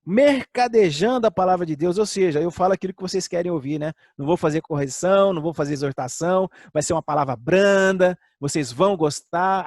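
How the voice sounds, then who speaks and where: An older man preaches a sermon that includes personal testimony, speaking earnestly as he sinks to soft lows and rises to emphatic highs. The studio-quality recording has no echo.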